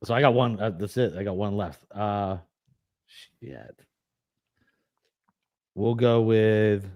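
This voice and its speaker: A man's voice: lowish voice, slow, lo-fi sound. A man co-hosting a podcast in casual chat, laid-back, cursing and laughing often. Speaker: podcast co-host.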